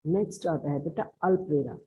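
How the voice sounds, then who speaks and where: A woman's voice: low-pitched, a little fast, warm tone, husky. A woman school teacher with a Haryanvi Hindi accent, patiently explaining a grammar lesson and addressing the pupils affectionately. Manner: explains patiently, calls listeners "beta". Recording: lo-fi, narrow band.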